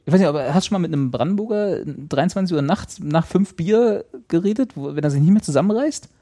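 Joking berlin guy on a podcast, kinda husky, voice bounces up and down a lot. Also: a little high, animated, fast talker, warm tone. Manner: joking, teasing, laughs often. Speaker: podcast co-host. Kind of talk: casual chat.

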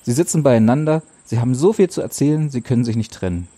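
A man narrating a children's book in a calm, measured storytelling manner. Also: mid-range voice. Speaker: audiobook narrator. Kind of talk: scripted narration.

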